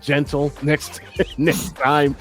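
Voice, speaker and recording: A man's voice: a little high, level tone, drawn-out words, music in the background. A middle-aged man hosting a casual sports podcast, talking bluntly and with feeling and repeating phrases for emphasis. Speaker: podcast host.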